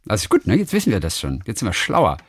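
A man's voice: fairly low pitch, quick pace, slightly rough, dry recording, studio quality. A man co-hosting a casual chat, reading out a listener message and explaining it. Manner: lively, reads out listener messages. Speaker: podcast co-host.

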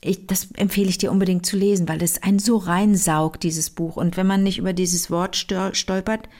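A woman hosting a relaxed conversation, retelling a book with animated enthusiasm. She keeps tripping over her words and restarting, full of little fillers. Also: lowish voice, fairly quick. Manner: lively storyteller, many fillers and restarts. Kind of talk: casual chat, retelling a novel.

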